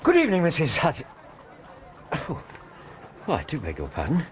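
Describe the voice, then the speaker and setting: Doctor Watson, very animated gentleman. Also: fairly high pitch, normal speed, a faint crowd, a little hiss or hum. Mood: polite, flustered. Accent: English. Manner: courteous, hesitant, animated. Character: Doctor Watson, genial, polite English gentleman doctor. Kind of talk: radio drama dialogue.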